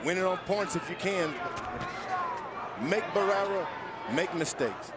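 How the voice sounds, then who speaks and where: A man's voice: sits high, unhurried. A man giving live color commentary on boxing in blunt, short, instructive phrases. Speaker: boxing analyst. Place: ringside in arena, crowd behind. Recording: loud crowd noise at ringside.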